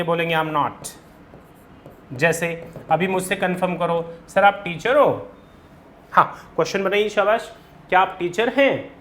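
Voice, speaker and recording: A man with a fairly high voice teaches beginners spoken in a classroom-style lesson. He explains in Hindi, says example sentences slowly, and keeps checking in with "right?" and "okay?". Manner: drills students with repeated "right?" and "okay?" checks and slow English examples.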